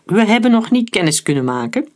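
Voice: medium pitch, sing-song, fairly quick, a little mellow, voice pushed up, lightly acted. A narrator voicing a menacing male mercenary leader who mocks and relishes cruelty, in an audiobook. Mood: mocking. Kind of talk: audiobook character voice.

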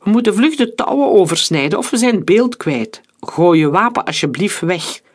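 A storyteller voicing a scheming male scout in an audiobook, pushing his plan in a quick, insistent way. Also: medium pitch, very animated, breathy edge. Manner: pressing, insistent. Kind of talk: audiobook reading.

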